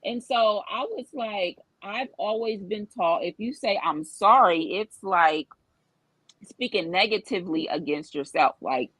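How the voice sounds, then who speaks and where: A woman's voice: medium pitch, a little slow, fairly bright tone, slightly rough, no echo, rough recording. A woman in her thirties, a show co-host, telling personal stories and giving earnest relationship advice in a candid, conversational way. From Cincinnati area.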